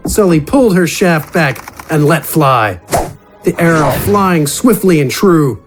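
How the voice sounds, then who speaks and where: Over background music, a man reads a scripted fantasy adventure dramatically, in the style of a storyteller. He is a narrator and voice actor whose voice is on the high side, animated and unhurried.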